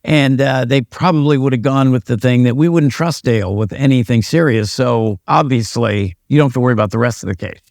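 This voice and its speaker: Gravelly older man telling stories. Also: medium pitch, brisk, hardly any pauses, darkish tone, no room sound, studio quality. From United States. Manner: self-deprecating, wry storyteller. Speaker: retired police sergeant and pastor, guest. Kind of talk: casual interview storytelling.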